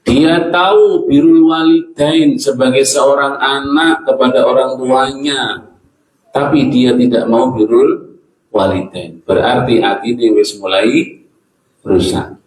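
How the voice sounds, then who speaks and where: A man's voice: mid-range voice, fairly even intonation, slow. A man preaching a sermon with a Javanese accent, earnest, putting questions to his listeners. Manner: earnest, mixing in local phrases, asks the audience questions. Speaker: Islamic preacher. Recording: echoey hall, mic at a distance.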